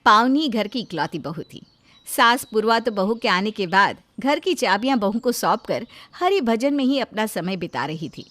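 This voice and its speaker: A woman calmly narrating a scripted moral story for a cartoon. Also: mid-range voice, normal speed, no echo.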